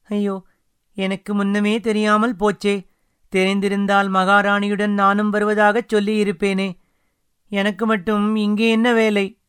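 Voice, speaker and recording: A man's voice: high voice, completely flat delivery, measured pace, a bit bright, smooth, dry recording, studio quality, voice pushed up. A man voicing a grieving young village woman who laments in a raised, plaintive voice, in an audiobook reading. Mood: lamenting. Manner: wailing, plaintive.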